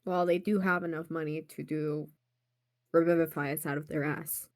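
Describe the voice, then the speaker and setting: A woman's voice: deep voice, fairly even intonation, moderate pace. A young woman playing in a tabletop game, teasing the others and laughing a lot. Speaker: player. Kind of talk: casual chat during a tabletop game.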